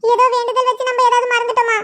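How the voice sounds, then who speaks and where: Fretful high-voiced cartoon granny, pleading, woman voicing her. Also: completely flat delivery, quick pace, bright, forceful tone. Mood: worried. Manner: pleading, worried. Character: anxious devout grandmother. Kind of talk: cartoon voice acting.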